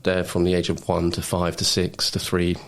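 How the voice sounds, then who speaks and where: Speaking at a moderate pace with a completely flat delivery, this ex-Royal Marine shares personal anecdotes as a podcast guest. His low voice has a fairly bright tone. The chat is relaxed and blokey, full of "mate," "man" and "bro."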